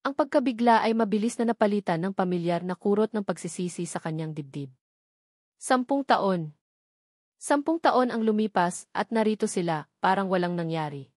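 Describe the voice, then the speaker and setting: Reading as narrator of a scripted dramatic tale, a woman speaks at normal speed in a medium-pitched, somewhat mellow voice full of lively intonation. The sound is dry and clean, like a studio.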